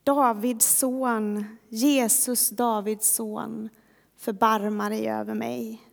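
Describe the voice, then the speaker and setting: A woman voicing a desperate blind male beggar who cries out for help, shouting and pleading in a reverberant hall. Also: high-pitched, flat delivery, creaky.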